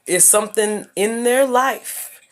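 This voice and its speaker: A YouTuber in her thirties gives life advice straight to her viewers in a casual video, speaking slowly in a voice on the high side. She's emphatic and preachy, repeating her points.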